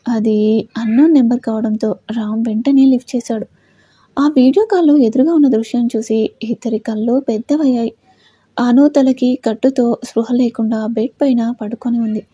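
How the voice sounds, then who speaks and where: A woman narrating an episode of a serialized love story in a steady, even storytelling manner. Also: a little high, normal speed, breathy edge, no echo, highs cut off.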